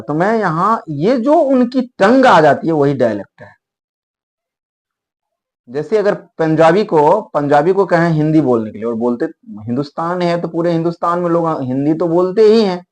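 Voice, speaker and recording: A man's voice: on the high side, a little mellow. Rambling Hindi-speaking English teacher, man. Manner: rambling, conversational explaining with restarts. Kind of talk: spoken English lesson in Hindi.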